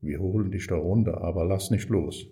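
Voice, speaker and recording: A man voicing a panicked mother who shouts up to her son on a roof, in a children's storybook reading. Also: deep voice, a little fast.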